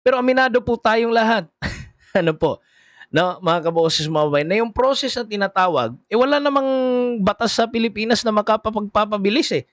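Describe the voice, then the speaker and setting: A man giving casual political commentary, halting and full of fillers, often repeating his greeting to viewers. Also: high voice, lively intonation, fairly bright tone, no echo, dull audio.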